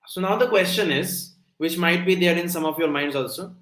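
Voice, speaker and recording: Teaching code in a live online lecture, a young male instructor walks through each step and keeps checking that his audience follows. He has a high pitch, a fairly bright tone and a moderate pace, recorded roughly in an echoey room.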